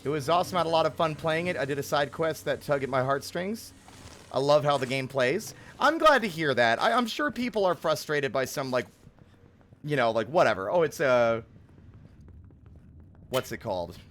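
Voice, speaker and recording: A man's voice: fairly high pitch, animated, normal speed, a bit bright. A man live streaming a game, chatting informally with his viewers and often interrupting himself. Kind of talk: casual live stream chat while playing.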